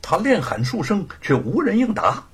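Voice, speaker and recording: Emotive male storyteller, breathy voice. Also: on the high side, wildly swooping pitch, moderate pace. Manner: emotive, sinking to whispers. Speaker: narrator. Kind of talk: dramatic storybook reading.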